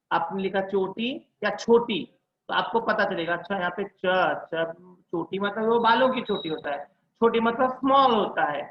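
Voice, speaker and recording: Tutor guy drilling letter sounds one by one, slow and careful, roomy echo. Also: sits high. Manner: drills sounds aloud one by one, checks in with students. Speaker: Hindi tutor. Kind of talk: online class teaching. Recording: echoey, dull lo-fi room sound.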